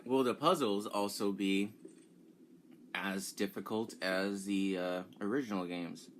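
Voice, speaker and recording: A young man giving casual commentary as he reacts to a game demo, excitable and breaking into sudden exclamations. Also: fairly low pitch, measured pace, slight background noise. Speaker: gaming YouTuber reacting to a demo.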